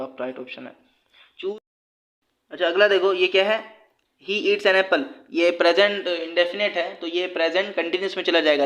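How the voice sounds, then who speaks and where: A man's voice: sits high, a bit bright. A man with a Pakistani Urdu accent, teaching an exam-prep lesson in a casual, joking way and laughing at his own asides.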